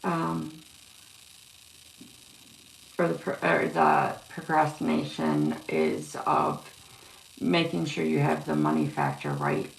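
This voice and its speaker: A woman giving a casual psychic reading on a live stream, talking haltingly with many fillers and restarts. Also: low-pitched, lively intonation, gravelly. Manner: halting, filler-heavy, yawning. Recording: echoey room with faint noise.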